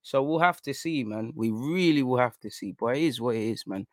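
A man's voice: mid-range voice, fairly quick, no echo, studio quality. A man with an urban London roadman accent and slangy delivery, chatting casually about football to his audience. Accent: London, urban street slang. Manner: slangy roadman-style talk, addressing listeners as bro and man. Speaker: football fan content creator.

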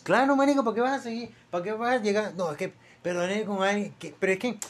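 A young man with a Venezuelan accent, co-hosting a casual podcast chat, slangy and quick to laugh. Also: high voice, slight background noise. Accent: Venezuelan Spanish. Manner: slangy, laughs often, repeats himself. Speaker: podcast co-host.

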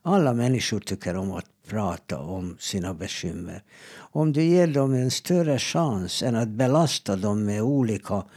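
A middle-aged man, a therapist, talking in a calm, measured way with frequent hesitations while giving advice in a casual conversation. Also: lowish voice, breathy edge.

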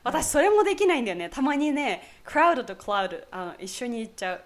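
A woman co-hosting a podcast in casual chat, agreeing lively with quick short replies. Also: high voice. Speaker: podcast co-host.

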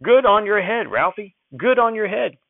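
A man plays an excitable old rural grandfather speaking folksy dialect with a raised, quick old-timer twang. His medium-pitched voice is creaky and excited, coming through a thin, dry, phone-like sound.

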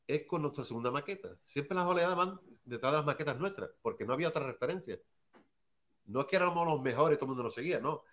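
This Sevillian man was one of hip hop's early artists, and he tells loose, meandering stories from the scene, constantly asking "¿sabes?". His voice is mid-range, and the recording has its highs cut off.

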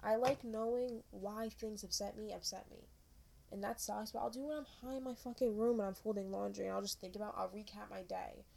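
A young adult woman co-hosting a casual podcast, talking fast and loose, rambling and swearing freely. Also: mid-range voice, fairly even intonation, creaky, mellow, a little hiss or hum. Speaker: podcast co-host.

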